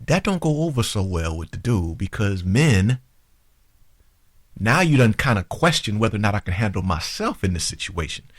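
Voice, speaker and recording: A man hosting a talk show, giving relationship advice to women in an animated, informal way and acting out both sides of an argument. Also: on the low side, moderate pace, husky, dry recording, clean studio sound. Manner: informal, conversational, addresses the audience directly.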